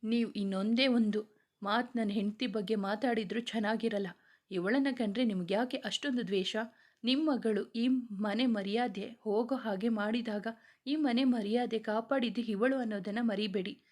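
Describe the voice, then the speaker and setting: A woman reading the lines of a gentle, caring young husband in a storybook tale. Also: a little high, normal speed, natural voice. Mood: firm.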